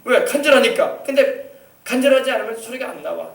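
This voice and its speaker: High-voiced preaching man, echoey church. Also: wildly swooping pitch, fairly quick. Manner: emphatic preaching with call-and-response. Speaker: pastor. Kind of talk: sermon. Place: church sanctuary. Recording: echoey hall, mic far off.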